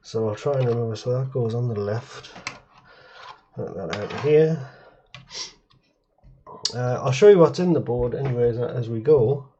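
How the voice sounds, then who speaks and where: This retro computing presenter speaks at a measured pace with frequent pauses, his medium-pitched voice mellow. At a home workbench he casually shows off computer hardware, rambling, hesitating and correcting himself mid-sentence. The recording is slightly dull and muffled, with a little background noise.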